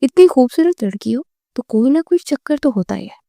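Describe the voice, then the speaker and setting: A woman voicing a scornful, sharp-tongued middle-aged mother-in-law in an audiobook. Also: high-pitched, animated, vocal fry, no echo, clean studio sound, voice pushed up. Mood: venomous. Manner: accusing, venomous.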